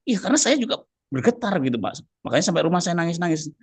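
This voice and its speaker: A man's voice: fairly high pitch, very animated, quick pace, breathy edge, dry recording. A man sharing a personal story in a group call, earnest and rambling, with repeated filler tags. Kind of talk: casual heartfelt testimony in a group call.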